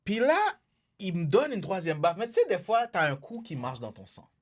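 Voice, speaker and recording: A man's voice: high-pitched, very animated, normal speed. A young man with a Quebec French accent telling a story in casual podcast chat, mixing in English slang and acting out quotes. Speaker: podcast host.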